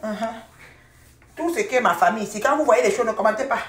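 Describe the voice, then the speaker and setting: An older woman chats on a live stream from her home, warm with pet names and quick to laugh. Her voice sits a little back from the mic. A roomy echo hangs around each phrase. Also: fairly high pitch, distant mic. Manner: chatty and affectionate, repeats pet names, laughs often. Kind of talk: casual live-stream chat with viewers. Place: at home, indoors.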